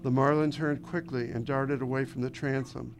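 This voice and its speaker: Male audiobook narrator, measured and descriptive, mid-range voice, music bed underneath. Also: medium pitch, fairly even intonation. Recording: narration over background music.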